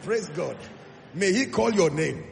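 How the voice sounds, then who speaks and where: A man with a high, gravelly voice preaches a sermon in a big church hall, and his words ring out with a long echo over faint music. He piles up repeated lines and builds to loud exhortation, then drops into a low, earnest tone. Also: lively intonation, a little slow, noisy background. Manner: emphatic, rising repetitions, shifts between loud exhortation and low earnest tone.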